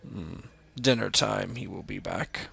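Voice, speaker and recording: A man's voice: low voice, a little slow, creaky, bright, forceful tone, slightly rough, no room sound, exaggerated voice. A game master voicing a stern, heavily armored male castle guard whose metallic voice is muffled by his helmet, speaking in a curt, guarded way.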